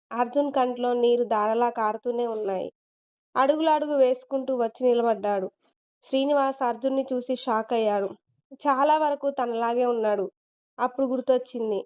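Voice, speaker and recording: Woman storyteller with a clear, smooth voice. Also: on the high side, a little mellow. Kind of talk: story narration.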